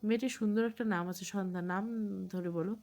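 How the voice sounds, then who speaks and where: A woman's voice: medium pitch, brisk, natural voice. Woman reading a curt, indifferent young man for an audiobook. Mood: cold. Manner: flat, offhand, curt. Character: cold, defiant young bearded man.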